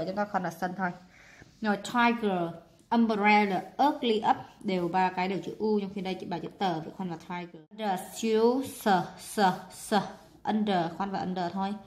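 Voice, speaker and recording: A woman with a Vietnamese accent, patiently explaining English worksheet exercises to young children and spelling words out letter by letter. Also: medium pitch. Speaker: primary school English teacher.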